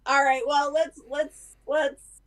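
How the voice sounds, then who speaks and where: A woman plays a tabletop game, talking casually. Her voice is fairly high and her pace is slow. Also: level tone, fairly bright tone. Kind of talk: casual chat.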